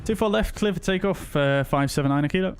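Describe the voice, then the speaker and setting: A man flying as a pilot, making crisp cockpit callouts and radio readbacks on a headset. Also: high voice, quick pace, a little hiss or hum. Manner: crisp, clipped checklist callouts. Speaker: flight sim streamer flying as pilot.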